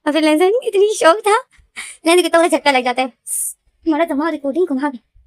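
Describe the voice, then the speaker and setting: A woman's voice: very high voice, fairly quick. A woman retelling a story casually, with a repetitive and emphatic manner. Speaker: story explainer.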